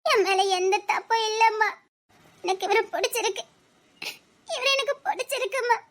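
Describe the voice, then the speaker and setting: A woman's voice: very high voice, normal speed, fairly bright tone. A woman voicing a frightened young heroine in a cartoon, pleading and close to tears. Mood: tearful. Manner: pleading, tearful. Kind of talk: cartoon voice acting.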